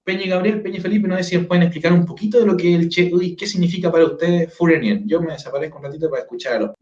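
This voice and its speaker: A man's voice: fairly high pitch, very fast, a little mellow. Man hosting over an echoey, dull call. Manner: keeps adding tag questions, restarts often. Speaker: host. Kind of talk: casual online interview.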